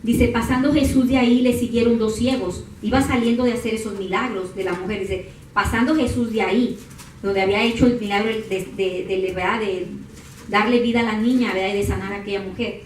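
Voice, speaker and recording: A woman preaching a sermon, moving from calm teaching to high, impassioned crying out. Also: a little fast, slight background noise. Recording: echoey room from far off.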